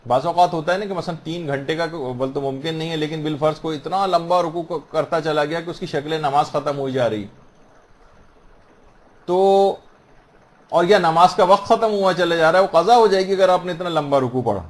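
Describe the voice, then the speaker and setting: A man teaching the rules of prayer in a patient, explanatory way, repeating phrases and slowing down to model the correct pronunciation. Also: fairly high pitch. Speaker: religious teacher. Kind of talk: instructional talk on prayer rules.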